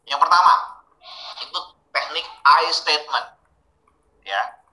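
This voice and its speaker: A man's voice: a little high, slow pace, reverberant, poor audio. A man giving a training webinar, talking casually and putting questions straight to his audience. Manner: lively, questioning audience directly.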